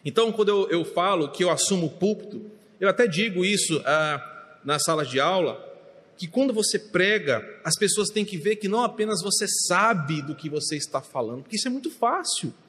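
Impassioned pastor preaching in a reverberant church. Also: male voice, high-pitched, animated, fairly quick. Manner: impassioned, rises to near shouting at times. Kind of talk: sermon. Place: church sanctuary. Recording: long hall reverb.

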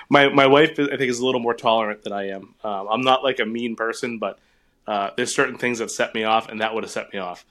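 A man's voice: medium pitch, fairly even intonation, brisk, fairly bright tone. New England man, podcast co-host, loose storyteller who laughs a lot and swears freely. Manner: laughs often, storytelling with profanity. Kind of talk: casual chat.

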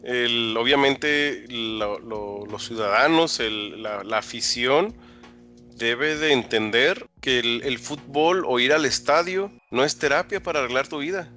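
A man's voice: mid-range voice, a little slow, sharp tone, soft background music. A man co-hosting casual sports talk, opinionated and often repeating words as he searches for them. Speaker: co-host.

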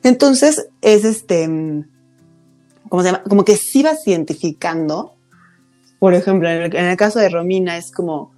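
A woman's voice: fairly low pitch, lively intonation, normal speed, dark tone, faint music behind. A woman in her thirties with a Mexican accent, chatting casually about motherhood with many fillers. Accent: Mexican Spanish. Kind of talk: casual chat.

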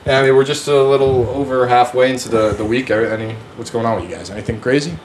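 A man's voice: mid-range voice, steady tone, fast, slight background noise, rough recording. A man hosting a podcast in casual, slangy chat with casual swearing. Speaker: podcast host.

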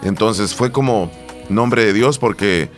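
A man co-hosting a casual talk show, telling a story with lively quoted lines and frequent restarts. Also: lowish voice, takes it slowly, faint music behind. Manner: animated storytelling, acts out quotes, many restarts. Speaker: co-host. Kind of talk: casual chat.

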